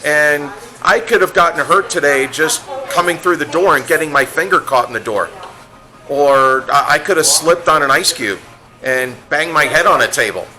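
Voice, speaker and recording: Bright-voiced chatty man hosting a meetup. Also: fairly high pitch, moderate pace, low-quality recording. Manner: chatty, storytelling, joking. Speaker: meetup host. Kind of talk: casual interview at a meetup. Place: restaurant.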